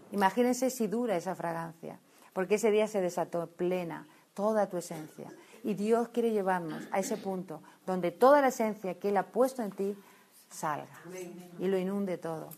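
A woman from Spain preaching to a women's gathering, animated and storytelling, often breaking off to restart her sentences. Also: medium pitch, moderate pace. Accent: Spain Spanish. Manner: animated, storytelling, self-interrupting. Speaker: women's ministry speaker. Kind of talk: sermon.

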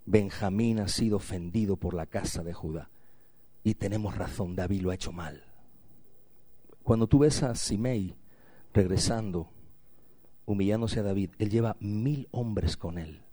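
Man, sermon, emphatic repetitions, rhetorical questions, low pitch, dry close sound. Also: a little slow, pauses often, dark tone, dry recording. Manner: emphatic, repeats key phrases, rhetorical questions. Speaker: preacher.

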